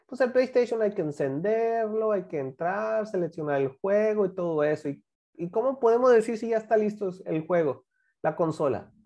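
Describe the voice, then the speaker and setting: A woman, an English teacher giving a class to children, repeating example phrases slowly and quizzing her students. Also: medium pitch, expressive, dark tone, dull audio. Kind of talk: online class teaching English grammar to kids.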